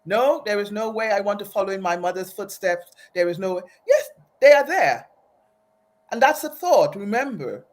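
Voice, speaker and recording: A woman from Aruba, raised in Trinidad, tells her story as an interview guest in a mid-range, expressive voice that is a little mellow and at normal speed. She speaks earnestly and reflectively, often restarting phrases.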